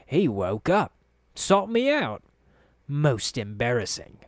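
A man's voice: mid-range voice, sing-song, slow, dry recording, voice pushed up. A man voicing a sly, theatrical underworld boss who speaks with mock courtesy and menace. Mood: quietly menacing.

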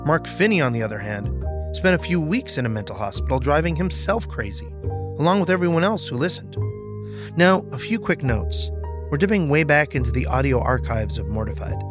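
A man hosting a podcast, reading measured, scripted narration. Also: a little high, lively intonation, music in the background. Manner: measured, storytelling. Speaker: podcast host.

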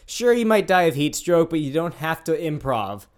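Podcast guy, really smooth resonant voice, laid back, jokey, trails off. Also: on the high side, sing-song, moderate pace. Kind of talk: casual podcast chat.

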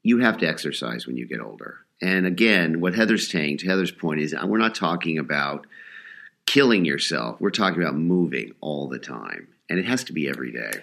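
A man's voice: rumbling low, expressive, fairly quick, vocal fry, fairly bright tone. An older man co-hosting a podcast, giving blunt, emphatic advice in casual chat. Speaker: podcast co-host.

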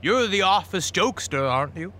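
A man voicing a smug male lawyer who asks loud, needling questions in court. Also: sits high, animated, fairly quick. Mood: mocking.

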